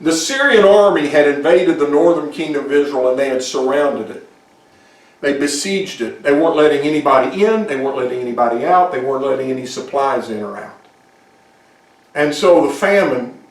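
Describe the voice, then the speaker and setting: A man preaching a sermon, retelling a Bible story in a folksy way with chuckling asides. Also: fairly high pitch. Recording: echoey room, distant mic.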